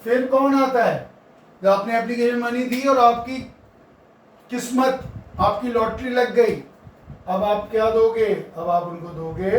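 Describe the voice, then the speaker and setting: A man's voice: sits high, slight background noise. A male accounting teacher giving a classroom lecture. He quizzes his students, answers his own questions and repeats key terms for emphasis. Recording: very echoey room, mic far off.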